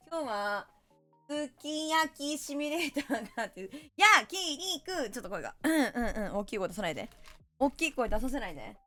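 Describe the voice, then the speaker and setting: A young woman streaming a game, chatting casually and getting excitable, her voice a bit rough. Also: sits high. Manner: excitable, shouts and laughs while playing. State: voice a bit rough, says it won't come out.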